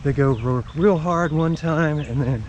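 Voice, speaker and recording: Unhurried and higher-pitched with a darkish tone, this man's voice carries slight background noise. Out on a rainy run, the vlogger offers casual explanations in short, broken phrases.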